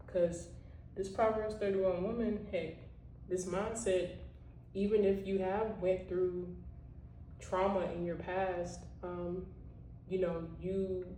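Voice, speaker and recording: A woman vlogger with a mellow, lowish voice gives her viewers a casual motivational talk, conversational and heavy on "you know" and "like." The room echoes, she sits a bit far from the mic, and there's slight background noise.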